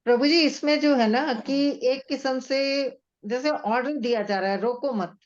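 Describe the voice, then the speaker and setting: A woman's voice: high voice, measured pace. A woman student answering her teacher's questions politely and respectfully in class. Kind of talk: class discussion. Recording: dull lo-fi sound.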